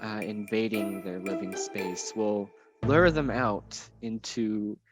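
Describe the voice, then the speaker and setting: A man's voice: on the low side, fairly even intonation, slow, no room sound. A man casually improvising his character's actions as a player in a tabletop game. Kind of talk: casual improvised role-play chat. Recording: loud music behind.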